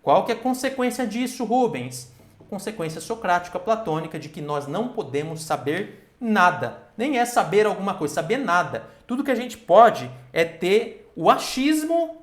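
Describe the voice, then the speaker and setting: Lecturing man in an echoey room. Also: sits high. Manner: asks himself questions aloud and answers them; checks in with listeners often. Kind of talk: recorded online lecture. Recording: roomy echo.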